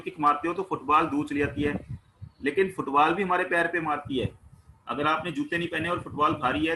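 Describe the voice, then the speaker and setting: Bright-voiced man teaching science. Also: fairly high pitch, slight background noise, rough recording. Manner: asks questions and answers them himself; plain everyday explanations with household examples. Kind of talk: explaining a class 9 worksheet.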